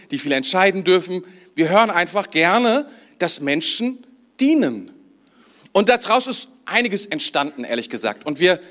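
A man's voice: high voice, fairly bright tone. A male pastor preaching a sermon in church, talking conversationally and putting questions to the congregation.

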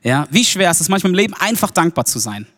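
Lively preacher man in a reverberant hall. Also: high voice, quick pace. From Germany. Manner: informal and lively, with slangy interjections. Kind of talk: casual, energetic sermon.

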